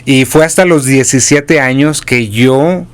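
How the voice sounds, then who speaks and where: A man in his forties from Durango with a northern Mexican accent, a pastor and church planter calmly telling his story as a guest. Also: mid-range voice, measured pace, clear, resonant tone. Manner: calm, steady storytelling with small restarts.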